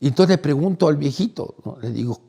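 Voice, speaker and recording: A middle-aged man, hosting and telling a personal story in a casual, animated way. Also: on the high side, fairly quick, creaky, breathy edge. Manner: animated, acts out quoted voices, laughs while telling. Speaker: host, storyteller.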